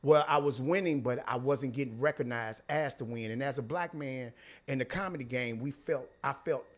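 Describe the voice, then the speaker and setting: Man, St. Louis accent, mid-pitched voice, candid casual podcast talk, slangy, profane, repetitive for emphasis. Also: moderate pace. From St. Louis, United States. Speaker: comedian guest.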